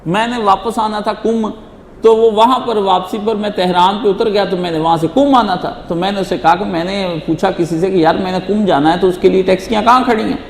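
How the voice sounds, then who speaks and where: A man, answering religious questions in an emphatic, repetitive lecture style and acting out quoted voices. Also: sits high. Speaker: Islamic teacher answering questions. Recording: echoey hall with faint noise.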